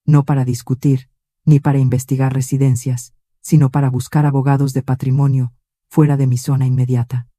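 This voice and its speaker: A woman narrating a scripted first-person story in a measured, composed way. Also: very deep voice, dark tone, no room sound, studio quality.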